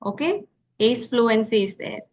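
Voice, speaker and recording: With a little hiss or hum in the audio, a Karnataka-born English tutor coaches a beginner in phone conversation over a call. Her voice is a little high, expressive and a little slow, and she patiently goes over key points again, asking "okay?" often.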